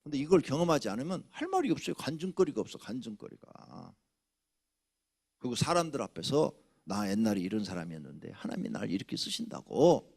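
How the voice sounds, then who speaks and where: Gravelly older Korean pastor preaching. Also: male voice, very animated, quick pace. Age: 60s. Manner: swings from loud shouting to low muttering asides; conversational, rhetorical questions to the congregation. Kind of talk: Friday night sermon. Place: church sanctuary.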